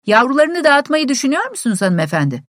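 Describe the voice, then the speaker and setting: Brief: polite gentleman tenant in a storybook, played by a woman, animated, dry close sound. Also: sits high, fast talker, dry recording, pitched above the performer's own voice. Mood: polite, indignant.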